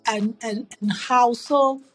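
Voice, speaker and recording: A middle-aged woman from Ghana speaks as an interview guest over a remote call. Her voice sits somewhat high, and she tells her story in an earnest, reflective way, often restarting her sentences. Faint music plays underneath. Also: steady tone, takes it slowly, poor audio. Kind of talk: conversational storytelling.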